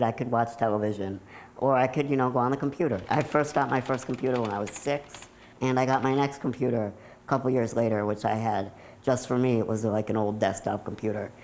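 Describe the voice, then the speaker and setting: A man's voice: mid-range voice, fairly quick. A nineteen-year-old man with an American accent, talking candidly and matter-of-factly in a casual documentary interview style. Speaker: computer programmer telling their own story.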